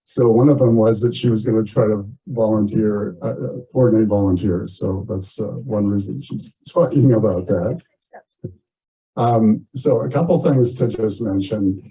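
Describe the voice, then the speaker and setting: Speaking in a fairly low, warm voice with a breathy edge and a moderate pace, an American man runs a community meeting and explains matters in plain, informal terms. He's heard through muffled audio from a video call.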